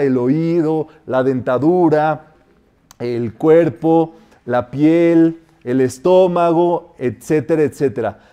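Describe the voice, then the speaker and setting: A man leads a metaphysics class. His voice is mellow and sits somewhat high. He explains calmly and repeats short affirmations slowly and softly to demonstrate them. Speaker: metaphysics teacher. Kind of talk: spiritual class with guided decrees.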